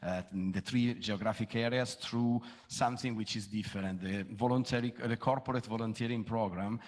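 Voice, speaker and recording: A man speaking as a company manager on a conference panel, answering off the cuff in hesitant non-native English with many pauses. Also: fairly low pitch, fairly even intonation.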